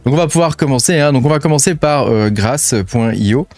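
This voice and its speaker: A French-accented crypto channel host runs through apps on his screen in a casual screen-share, his mid-range, darkish voice moving a little fast. He's chatty, packs in fillers and "hein," and talks to the viewer as "tu."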